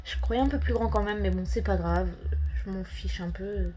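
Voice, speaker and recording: A woman's voice: medium pitch, normal speed, warm tone. A French woman chatting casually through a makeup haul at home, hesitant, with many fillers and apologetic restarts. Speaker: beauty vlogger.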